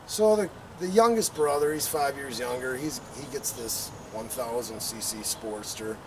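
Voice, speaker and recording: Sitting on an outdoor backyard patio, a middle-aged man with a medium-pitched voice tells an animated, rambling casual anecdote, performing quotes and engine sound effects. A camera several meters off picks him up from afar, along with outdoor background noise.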